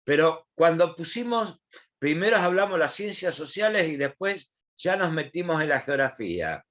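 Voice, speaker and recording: A man's voice: on the high side, sing-song, moderate pace, a bit bright. A man with an Argentine accent teaching an online class, asking questions and explaining in a colloquial way. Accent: Argentine Spanish.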